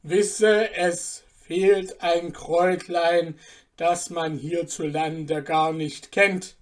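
A woman's voice: on the low side, flat delivery, takes it slowly, a little mellow. A woman voicing a sneering, mysterious foreign guest in a storybook reading, smug and mocking.

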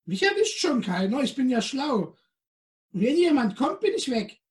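A man voicing a tiny, cheeky female Christmas fairy who squeaks and bosses people around. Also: sing-song, normal speed, far from the mic. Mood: scolding. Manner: bossy, mocking, squeaky.

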